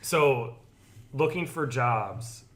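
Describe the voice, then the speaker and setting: A man's voice: medium pitch, lively intonation, very slow, fairly bright tone. A man hosting a podcast, asking questions in a casual, loose way with lots of "like". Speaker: podcast host, interviewer. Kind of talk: casual interview conversation.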